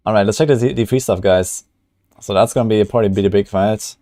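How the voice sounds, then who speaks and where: A man's voice: on the low side, fairly quick, mellow, no echo. A young man streaming casually, rambling with lots of fillers as he reacts to game patch notes. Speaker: gaming streamer. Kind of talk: casual livestream commentary.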